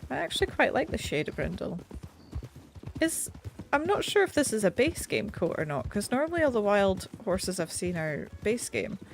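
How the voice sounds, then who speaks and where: Medium-pitched and slightly nasal, her voice rises and falls dramatically at a normal speed. She's playing and streaming a game, offering casual commentary and joking about herself, with a bit of hiss or hum from a desk mic set slightly back.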